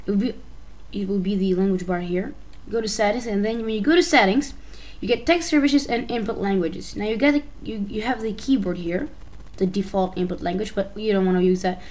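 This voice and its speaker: A woman with an Albanian accent talks through a computer tutorial as a casual voice-over. She hesitates and often restarts and corrects her sentences. Her pitch sits in the middle range. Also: a little fast, a little mellow, poor audio. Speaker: tutorial maker.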